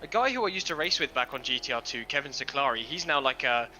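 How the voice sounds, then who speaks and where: Man, very bright voice, casual race chat, self-deprecating, swears, headset mic. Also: medium pitch, lively intonation, fast talker, a little hiss or hum, rough recording. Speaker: streamer and sim racing driver. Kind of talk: casual chat while racing.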